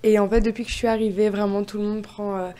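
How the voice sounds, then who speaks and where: Young woman with a mellow voice. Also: mid-range voice, little pitch movement, quick pace. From France. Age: young adult. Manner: eager, with many hesitations. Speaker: poet guest. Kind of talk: casual interview answers.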